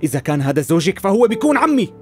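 An actor playing a hot-tempered, protective young nephew with a Syrian accent, protesting indignantly in a dubbed TV drama. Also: male voice, high voice, very animated, racing, music in the background. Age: young adult.

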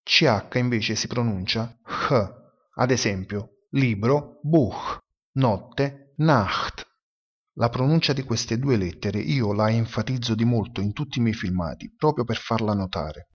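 A man teaching a language lesson, explaining pronunciation and sounding words out slowly and deliberately. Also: on the low side, breathy edge. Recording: dull lo-fi recording.

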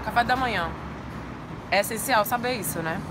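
A woman giving friendly short vocabulary lessons, repeating each word slowly. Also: fairly high pitch, very noisy. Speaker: French teacher. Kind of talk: short scripted language lesson. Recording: loud music bed underneath.

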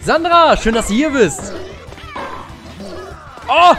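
A young man chats to his stream audience while he plays, joking and yelling out at the big moments. His voice sits high and swings widely in pitch. Upbeat game music plays clearly in the background. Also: slow pace, some chatter behind. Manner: excitable, jokey, with sudden shouts. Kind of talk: casual let's-play commentary to chat.

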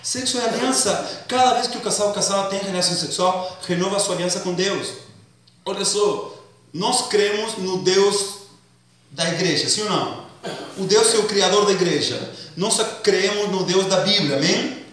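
A high-pitched man preaching to his church, chatty and slangy, drawing call-and-response from the pews. His voice booms around a very echoey hall, picked up from a distance. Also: normal speed, a bit bright. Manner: acts out comic skits. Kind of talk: sermon.

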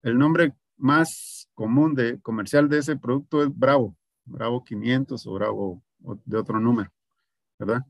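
A man's voice: mid-range voice, unhurried, creaky, no echo, clean studio sound. A man teaching an online agronomy class, explaining patiently and often checking in with his students. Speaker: agronomy instructor.

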